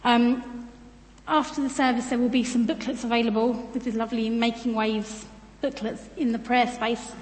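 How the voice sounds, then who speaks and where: In a large church room, a British woman presents on baptism to the congregation in a chatty, self-deprecating, informal way. Her voice is fairly high and steady with a darkish tone, delivered at a moderate pace, and the hall echoes with long reverb.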